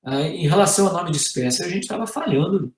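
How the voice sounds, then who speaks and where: This middle-aged guest professor, speaking with a Brazilian Portuguese accent, gives a university lecture in a roomy-sounding space, explaining step by step and often finishing sentences with "né?" or "tá?". His voice sits on the high side, animated and quick.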